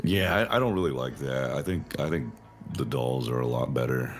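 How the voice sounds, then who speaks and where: A game developer with a very deep voice answers interview questions at a moderate pace. He rambles and thinks aloud, using lots of fillers.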